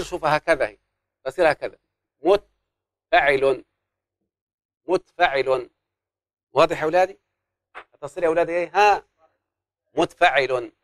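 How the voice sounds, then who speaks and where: Egyptian teacher, higher voice, quizzing pupils. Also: male voice, fairly bright tone, no room sound. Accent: Egyptian Arabic. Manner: slow, repetitive explaining with quizzing questions to pupils. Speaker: teacher of Arabic prosody. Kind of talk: classroom lesson.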